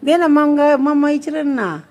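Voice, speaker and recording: A young woman, a mother, chatting playfully with her little daughter, teasing her with lots of quick questions. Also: high-pitched, a little mellow.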